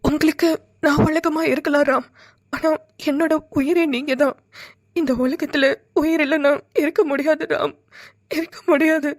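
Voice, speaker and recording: A woman's voice: high voice, fairly even intonation, moderate pace, no echo, studio quality, lightly acted. A woman voicing a devoted, tender young woman in a cartoon, pleading and near tears. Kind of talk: cartoon voice acting.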